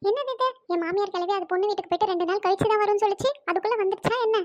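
Cartoon: woman voicing a stingy, bossy housewife; very high, fast, nagging. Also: highs cut off, background noise. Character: bossy, penny-pinching married housewife neighbor. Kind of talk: cartoon comedy voice acting.

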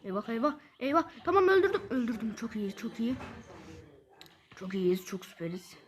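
A woman who makes gaming videos commentates excitedly on live gameplay in a slightly high voice. Quick to get frustrated, she blurts repeated words in rapid bursts.

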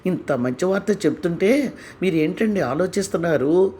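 A man's voice: sits high, expressive, moderate pace, mellow, slight background noise, pitched above the performer's own voice. A man voicing a worried, doting elderly mother who fusses and pleads. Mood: delighted. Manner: fussing, pleading.

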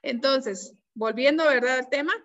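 A woman teacher giving an online class, explaining slowly and patiently and checking often that her students follow. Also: high-pitched, fairly bright tone. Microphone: computer mic on a video call. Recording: dull, lo-fi video-call audio.

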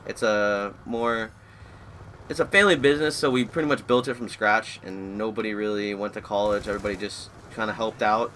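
A man's voice: fairly low pitch, steady tone, fairly quick, a bit bright, a little hiss or hum. A man in his twenties from Florida, chatting through live gameplay commentary and rambling as the match keeps pulling his attention. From Florida, USA. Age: 20s. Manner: rambling, easily distracted by the match. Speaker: gaming YouTuber.

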